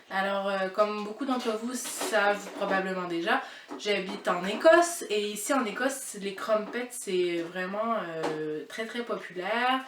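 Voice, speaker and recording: A woman with a mixed Québécois and French accent, chatting through a cooking vlog in a home kitchen and hesitating often with filler sounds. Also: mid-range voice. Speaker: cooking vlogger. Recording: echoey room, mic far off, noisy.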